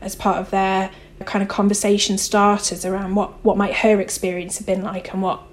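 A woman's voice: mid-range voice, little pitch movement, moderate pace, a little hiss or hum. A woman author and theologian answering interview questions in a reflective way, thinking aloud as she goes.

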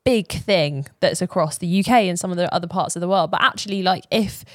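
A woman's voice: lowish voice, a little fast, dry recording. A British woman hosting a running podcast in casual chat, talkative and peppered with "like". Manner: chatty, uses "like" often. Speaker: podcast host.

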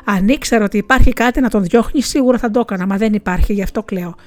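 A woman's voice: mid-range voice, close to an everyday voice. A woman voicing a terrified male servant of a Persian lord, pleading and lamenting in a storybook tale.

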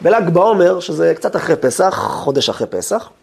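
A man, a rabbi, giving a lesson as an animated, dramatic storyteller. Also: on the high side, creaky.

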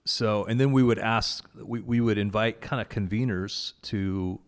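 This man's voice is on the low side and unhurried as he casually and earnestly recalls a prayer gathering he organized. He's appearing as a guest in a casual conversation about faith, and he uses lots of fillers and restarts.

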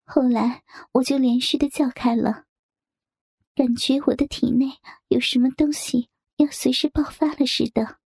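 Woman, whispered story narration, intimate, high pitch, faint music behind. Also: fairly even intonation, moderate pace, no echo, studio quality. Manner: hushed, intimate, breathy delivery.

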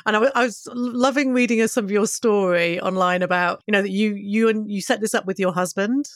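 A woman's voice: medium pitch, no room sound, clean studio sound. A woman hosting a podcast interview, upbeat and enthusiastic in her introductions. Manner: upbeat, brisk introductions, frequent "brilliant". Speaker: podcast host. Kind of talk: casual interview.

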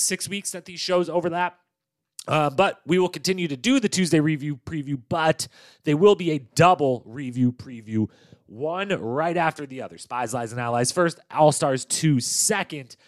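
A man's voice: a little high, no room sound, studio quality. Nasal, stuffy-nosed man hosting a podcast. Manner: chatty, self-promoting, playful asides. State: stuffy nose from a cold. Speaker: podcast host. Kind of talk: casual podcast talk. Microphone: studio microphone.

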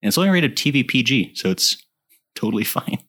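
A man co-hosting a podcast, chatting casually and enthusiastically, laughing often and filling pauses with "like" and "uh". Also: mid-range voice, big pitch swings, a bit bright. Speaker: podcast co-host. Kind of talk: casual chat.

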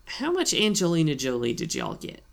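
A man's voice: fairly high pitch, huge pitch swings, normal speed, vocal fry. A man co-hosting a casual podcast chat, talking loosely with frequent fillers and asides. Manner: chatty, lots of fillers and asides. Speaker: podcast co-host.

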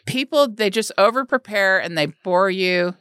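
A woman's voice: mid-range voice, moderate pace, fairly bright tone, clean tone, no room sound, studio quality. A woman co-hosting a podcast in casual, joking banter. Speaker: podcast co-host. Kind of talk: casual chat.

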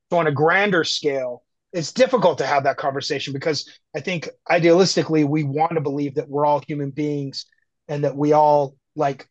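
A man's voice: on the high side, dry recording, lo-fi sound. A man speaking earnestly and reflectively as a guest in a conversational podcast interview, from the United States. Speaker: guest artist.

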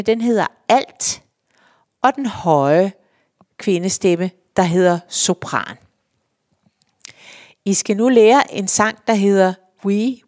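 A woman's voice: mid-range voice, darkish tone, no room sound, studio quality. Patient woman teaching choir singing. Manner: patient, explains step by step and counts in. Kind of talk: spoken singing lesson.

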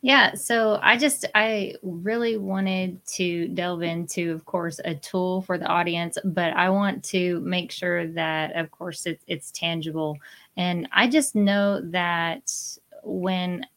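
A woman on a faith-based panel, talking in a reflective, measured way with light laughs. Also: on the low side, fairly even intonation, a bit bright. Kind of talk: faith-based casual chat.

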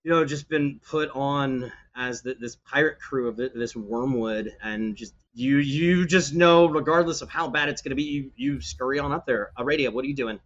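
A man narrating a tabletop game as game master on a live stream, animated and quick to exclaim. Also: medium pitch, lo-fi sound.

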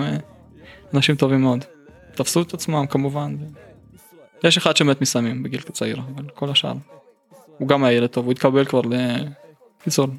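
A man's voice: fairly high pitch, vocal fry. A man from Russia with a Russian accent, talking candidly and colloquially in a casual interview as a musician guest. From St Petersburg, Russia.

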